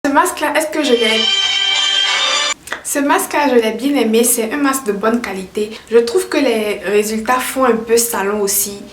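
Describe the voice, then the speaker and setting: A woman's voice: a little high, moderate pace, faint music behind. A woman chatting casually as a hair care vlogger, upbeat and repeating herself, her voice carrying a heavy echo. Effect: heavy echo around the voice. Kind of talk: casual product review. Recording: echoey room, voice far from mic.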